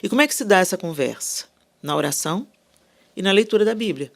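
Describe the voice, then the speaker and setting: Gravelly-voiced woman preaching casually. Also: medium pitch, quick pace. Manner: animated, repetitive, asks listeners "né?" and "entendeu?". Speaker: guest speaker. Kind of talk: casual faith talk on a podcast.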